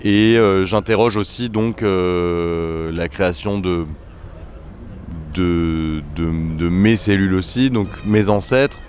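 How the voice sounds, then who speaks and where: A man's voice: low-pitched, fairly even intonation, slow, a little mellow, slight background noise. A young man, a musician, talking casually in an interview with many hesitant fillers and restarts. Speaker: trombonist and bandleader. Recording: music faintly behind.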